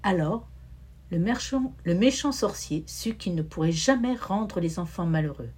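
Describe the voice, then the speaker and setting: Husky woman reading a children's story. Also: fairly low pitch, moderate pace. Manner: expressive, rhythmic listing.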